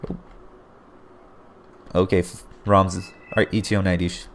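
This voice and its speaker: This game caster calls a replay play by play in a low, gravelly voice that's turning hoarse and raspy. He's excitable, constantly breaking in with surprised exclamations, and keeps a moderate pace over a faint hiss.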